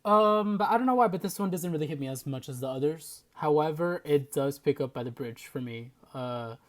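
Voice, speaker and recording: A man's voice: a little high, a little fast. A man reviewing an album in a casual reaction video, chatty and enthusiastic, with lots of "like" fillers.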